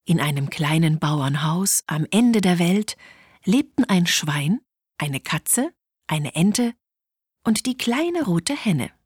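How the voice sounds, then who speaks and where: Storyteller, woman, husky and unhurried, lively pitch, close and dry. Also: dry recording. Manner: animated, with hushed whispered asides. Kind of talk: children's storybook reading.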